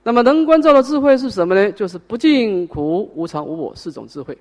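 A man's voice: sits high, animated, a little fast, a little mellow. A man teaching a Buddhist sutra, explaining each point step by step and answering his own questions. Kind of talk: sutra lecture.

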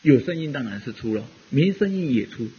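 A man's voice: medium pitch, animated, brisk, dark tone, slightly rough, muffled recording. A man giving a rambling, conversational Buddhist dharma talk, full of fillers as he teaches.

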